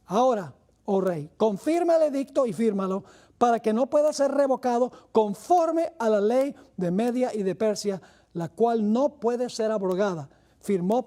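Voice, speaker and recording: A male pastor delivers a sermon with a warm, mellow tone. He reads scripture aloud and slows down, lifting his pitch to press on key words. Between readings he turns to his listeners with earnest teaching asides.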